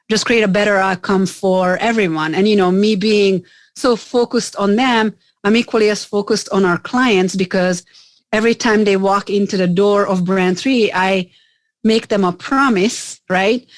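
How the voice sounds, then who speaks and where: In a casual interview conversation, a middle-aged Hungarian businesswoman speaks earnestly at a medium pitch. She often restarts words and says "you know." The recording carries no room sound.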